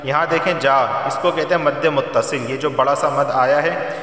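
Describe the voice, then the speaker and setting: A man's voice: a little high, fairly even intonation, pushed and bright. Echoey distant man chanting and teaching. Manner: chants verses slowly in melodic recitation, then explains rules plainly. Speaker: Quran teacher. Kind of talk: Quran recitation and tajweed lesson. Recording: roomy echo, long reverb, distant mic.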